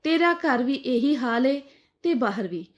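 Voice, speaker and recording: A woman's voice: sits high, animated, a little slow. A woman voicing an irritable, short-tempered grown son who scolds his mother in a storybook tale. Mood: scolding. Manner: scolding, snappish. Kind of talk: storybook dialogue reading.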